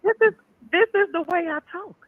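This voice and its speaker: A woman's voice: very high voice, fairly quick, no room sound. A woman calling in to a talk show over a phone line, trading playful, teasing banter with the hosts. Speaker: caller. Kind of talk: call-in chat.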